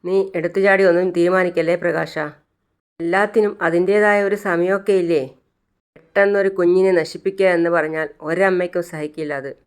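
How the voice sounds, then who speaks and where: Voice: medium pitch, little pitch movement, moderate pace, smooth, lightly acted. Narrator doing a fretful, pleading old mother. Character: worried older mother, pleading.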